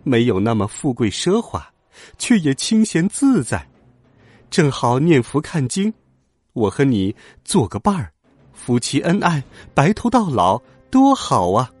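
A man's voice: huge pitch swings, measured pace, husky, no room sound, heavily acted. A man voicing a fierce female scorpion demon in a children's story. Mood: coaxing. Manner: coaxing then shrill threats.

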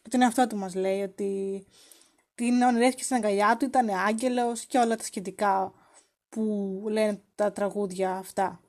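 A woman's voice: mid-range voice, steady tone, darkish tone. A woman hosting a podcast, talking casually and teasingly as she acts out quoted lines. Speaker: podcast host.

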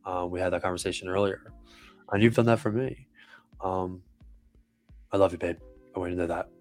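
Deep, flat-voiced man podcasting. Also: brisk, faint music behind. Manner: earnest, emotional, swears casually. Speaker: podcast co-host. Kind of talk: casual heartfelt podcast talk. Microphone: podcast microphone.

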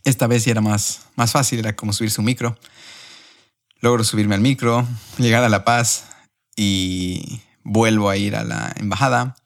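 A young man on a podcast, telling a personal story in an emotional, animated way. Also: on the low side, moderate pace, creaky. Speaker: podcast host.

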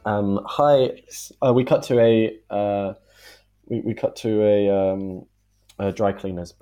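A man performing improvised comedy scenes, talking in a halting, stammering way with many fillers. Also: on the low side, steady tone, mellow, rough recording.

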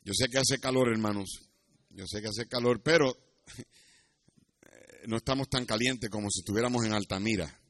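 A middle-aged man preaching a sermon in church, telling stories and rising into loud, emphatic passages. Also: fairly low pitch, normal speed, pauses often, no echo. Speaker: pastor.

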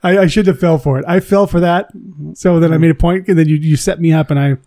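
A man's voice: on the high side, steady tone, quick pace, warm tone, dry recording, clean studio sound. A man co-hosting a casual comedy podcast, teasing his co-host and often laughing. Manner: teasing, laughing, stammering restarts. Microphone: podcast microphone.

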